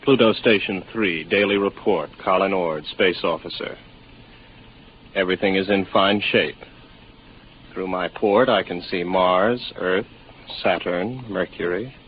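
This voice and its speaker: In a noisy, muffled 1950s radio recording, a man in his 20s speaks low and unhurried. He's an actor playing a weary, lonely young spaceman who rambles in a wry, musing, sardonic way.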